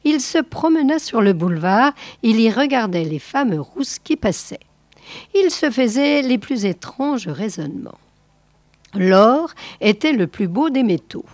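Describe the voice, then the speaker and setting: Woman reading an old novel aloud, real slow and careful, dry close mic. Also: on the high side, sing-song, darkish tone, no room sound. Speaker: audiobook reader. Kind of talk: literary reading.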